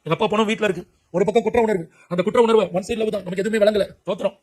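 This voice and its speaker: A man delivers a heartfelt testimony sermon with a high-set voice. He pleads and cries out to the young people listening, full of urgency and emotion. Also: fairly even intonation, racing, darkish tone. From Puducherry, India. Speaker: preacher giving his testimony.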